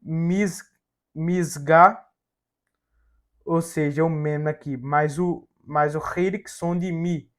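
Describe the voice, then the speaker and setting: Male language teacher, fairly high voice, slow and methodical, sounds out syllables. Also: fairly even intonation. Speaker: Hebrew teacher. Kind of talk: slide-based language lesson.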